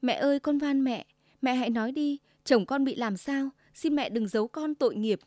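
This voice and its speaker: A woman voicing a gentle, frightened young wife who pleads in a timid, tearful way, in a storybook tale. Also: high voice, moderate pace, no echo, clean studio sound, close to an everyday voice. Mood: pleading.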